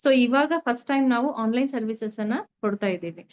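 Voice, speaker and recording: A young woman introduces a free online reiki class in an earnest, halting way, often stopping to find her next words. Her voice sits a little high. The sound is dull and lo-fi, as over an online call. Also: a little mellow. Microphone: online call audio.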